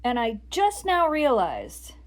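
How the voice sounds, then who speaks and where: A woman's voice: on the high side, huge pitch swings, takes it slowly. A woman from the Midwest, hosting a casual home cooking vlog and chatting straight to her viewers in an upbeat way. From American Midwest. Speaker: cooking channel host.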